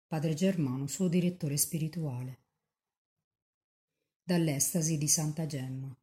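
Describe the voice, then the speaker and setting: A nun giving a calm, measured devotional reading. Her voice is low and warm, with a mellow, dark tone.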